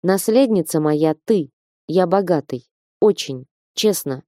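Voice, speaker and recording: A gruff, bearded dwarf father with a low, bass-leaning voice and curt, blunt phrasing, as a woman reads him in a storybook. The sound is dry and close, with a mellow, dark tone. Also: expressive, unhurried, no echo. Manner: curt, matter-of-fact. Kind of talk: audiobook character voice.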